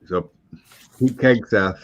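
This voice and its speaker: A man co-hosting a casual live chat, talking politics and reading tarot cards in a relaxed, halting way. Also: lowish voice, a little hiss or hum. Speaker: psychic co-host reading tarot. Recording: dull lo-fi audio.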